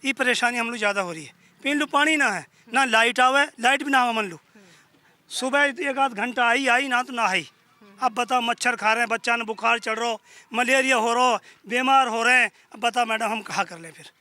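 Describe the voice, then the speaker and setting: Villager man, Mewati accent, sharp high voice, earnest complaints. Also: moderate pace. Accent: Mewati Haryanvi. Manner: earnest, aggrieved, rustic dialect speech. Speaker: villager interviewee. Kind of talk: complaining interview answers. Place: outdoors in a village.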